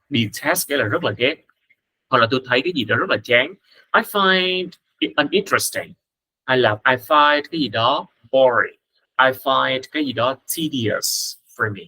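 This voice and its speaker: A man, a native Vietnamese speaker, teaching an English lesson, reading model phrases slowly and carefully between quick explanations. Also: medium pitch, sharp tone, slightly rough, low-quality recording. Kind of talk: casual spoken lesson.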